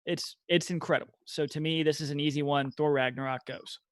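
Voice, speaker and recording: Upbeat guy on a movie podcast, bit higher voice, dry close sound, really into it. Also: a little fast, smooth, no echo. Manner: enthusiastic, animated storyteller. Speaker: podcast co-host. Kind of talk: casual debate chat.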